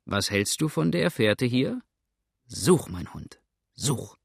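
A man's voice: medium pitch, very animated, slow, vocal fry, husky, no echo, clean studio sound, exaggerated voice. A man voicing an eager male dog handler in an audiobook, coaxing his hound. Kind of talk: audiobook character reading.

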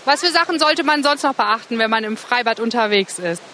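A woman's voice: a little high, lively intonation, brisk, bright, forceful tone, slight background noise. Upbeat woman reporter at an outdoor pool. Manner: encouraging, upbeat questions. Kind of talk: children's TV report.

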